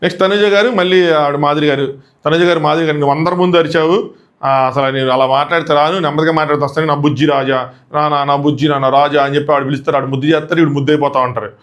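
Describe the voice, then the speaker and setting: A man's voice: a little high, rapid-fire. A man with a Telugu accent recapping a reality show in a casual solo talk, acting out the contestants' lines in shifting voices. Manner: animated, acts out contestants' quotes in shifting voices. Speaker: show reviewer.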